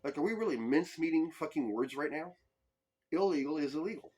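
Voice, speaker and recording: A man's voice: on the high side, expressive, fairly quick, darkish tone, breathy edge. A man hosting a podcast, delivering a heated, profane political commentary monologue. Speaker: podcast host.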